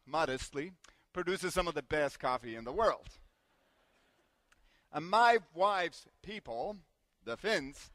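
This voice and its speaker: A man from Guatemala delivers a sermon in a church, weaving family stories into it with light, self-deprecating humor. His voice sits somewhat high for a man. The sound is close and dry, with little room echo. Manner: warm anecdotal storytelling with gentle self-deprecating humor. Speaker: preacher. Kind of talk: sermon with personal storytelling.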